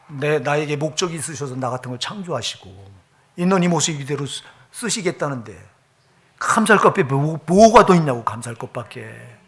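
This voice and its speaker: A male pastor preaching a sermon, emphatic, with rhetorical questions, dropping to a hush and rising to loud appeals. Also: mid-range voice. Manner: emphatic, swings from hushed to loud; personal testimony, rhetorical questions.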